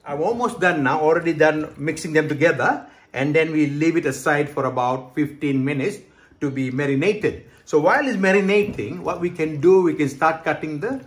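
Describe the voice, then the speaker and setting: Speaking at normal speed in a voice that's a little high, a middle-aged man from Hong Kong demonstrates home cooking in his kitchen as a show host. Each step gets explained with check-ins like "okay" and "right", and the handheld camera sits close by.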